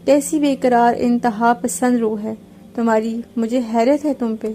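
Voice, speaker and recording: A woman puts on a cowardly young man who scolds freely but begs under threat. The reading is mellow and even, a touch high. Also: lightly acted. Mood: scolding. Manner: scolding then begging. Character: cowardly young man, servant-commanding then pleading.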